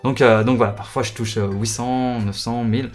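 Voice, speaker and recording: A man's voice: medium pitch, steady tone, moderate pace. A man, a gaming YouTuber chatting casually with his viewers in a hesitant way, full of fillers and repeated words.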